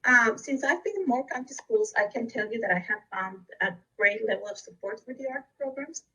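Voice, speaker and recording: A woman presents a recorded webinar in an earnest, steady way. Her voice sits a little high and sounds husky and breathy. She is recorded from a bit back from the microphone. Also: a little fast, far from the mic, low-quality recording. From Costa Rica. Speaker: district education leader.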